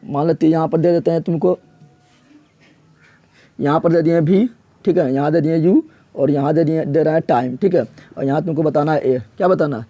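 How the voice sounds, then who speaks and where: A man's voice: fairly high pitch, fairly even intonation, normal speed, pauses often, dark tone, dry recording, muffled recording. A man teaching an exam-prep physics lesson in a casual, colloquial way. He keeps asking a question and then answering it himself, repeating the key terms. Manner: casual, colloquial, addresses students directly.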